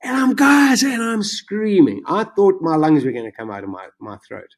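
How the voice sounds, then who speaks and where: A man telling his own survival story in conversation, animated and vivid, his voice jumping up when he relives the excitement. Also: fairly high pitch, normal speed. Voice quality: self-described macabre sense of humor.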